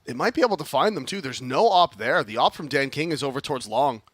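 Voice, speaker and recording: A man's voice: mid-range voice, lively intonation, quick pace, a bit bright, no room sound. A man casting esports live, explaining tactics and building suspense around each play. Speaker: esports caster.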